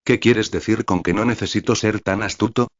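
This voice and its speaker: A nervous, stout older professor, read by a man answers defensively and with irritation. The voice sits very low. The audio sounds dull and lo-fi. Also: fairly even intonation, normal speed, natural voice.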